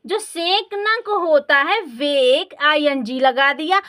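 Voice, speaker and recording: Slow high-voiced Indian woman teaching. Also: fairly bright tone. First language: Hindi. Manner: slow, repeats words and quizzes the listener. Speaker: spoken English teacher. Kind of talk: classroom-style language lesson.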